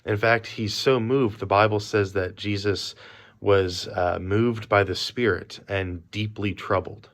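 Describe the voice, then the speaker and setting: At a measured pace, a deep-voiced man gives a youth group a casual devotional talk without notes, keeping it relaxed and conversational. The recording was made on a phone in a quiet workplace.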